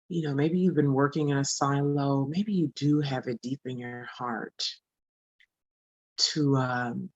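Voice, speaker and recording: A spiritual coach in her forties gives an earnest motivational talk, often repeating phrases for emphasis. Her low voice is creaky and husky. The recording is lo-fi, with no room sound.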